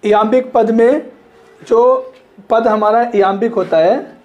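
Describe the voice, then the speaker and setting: A man's voice: very high-pitched, fairly even intonation, a little slow, darkish tone, highs cut off. A man teaching literature in a classroom lecture, repeating points, checking understanding and stretching words to show stress.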